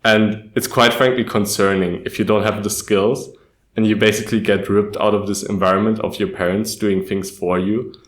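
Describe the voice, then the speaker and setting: A young man from Germany with a lowish voice, co-hosting a casual podcast. He talks in a measured, earnest way. The room around him sounds echoey. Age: young adult. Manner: measured, earnest, says "quite frankly" often. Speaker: podcast co-host.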